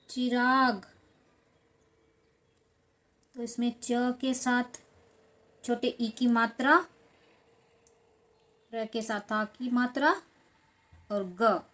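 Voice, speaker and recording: Slow, patient woman teaching children. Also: on the high side, level tone, bright, forceful tone. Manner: spells words out syllable by syllable.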